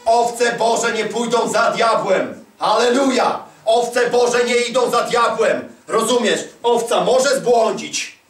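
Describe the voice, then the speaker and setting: Male preacher, high voice, emphatic call-and-response, distant mic in a large echoey hall. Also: slow pace. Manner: emphatic, repeats lines and calls for answers. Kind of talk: charismatic sermon. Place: large hall at a church conference.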